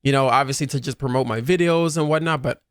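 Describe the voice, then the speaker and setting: A man of thirty co-hosting a podcast in casual chat, talking in a self-deprecating way with quick asides. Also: mid-range voice, no echo. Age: 30s. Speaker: podcast co-host.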